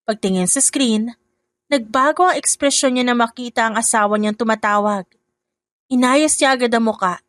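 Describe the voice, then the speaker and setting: A woman narrates a family drama in an even, descriptive storytelling manner. Her voice sits a little high and sounds close-miked and dry. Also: moderate pace, no room sound.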